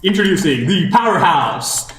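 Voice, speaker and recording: A tinny, metallic arena commentator booms out slow, drawn-out introductions, as a man puts him on at the game table. The voice sits a little high and carries a roomy echo. A faint hiss runs underneath. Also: animated, a bit bright. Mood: announcing. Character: male arena commentator booming from a box. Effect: tinny, metallic sound.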